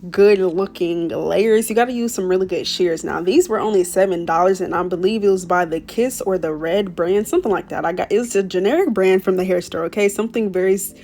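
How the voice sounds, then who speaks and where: A woman's voice: mid-range voice, fairly quick, few pauses, a little mellow. Chatty young woman narrating a tutorial. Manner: chatty, slangy, apologizes for stuttering. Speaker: beauty vlogger. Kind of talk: casual tutorial voice-over.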